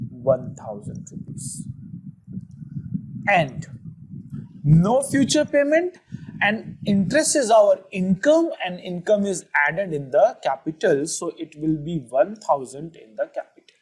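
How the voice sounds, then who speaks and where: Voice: medium pitch, a little mellow, slight background noise, poor audio. A teacher with a North Indian accent explaining a lesson step by step, posing questions and answering them, often repeating phrases. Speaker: accounting teacher.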